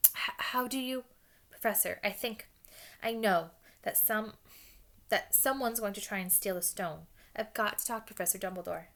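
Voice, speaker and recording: A woman's voice: medium pitch, moderate pace, creaky, fairly bright tone. Woman doing a pushy young schoolboy wizard, urgent and insistent, storybook voice. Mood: frantic. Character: determined, frantic schoolboy wizard.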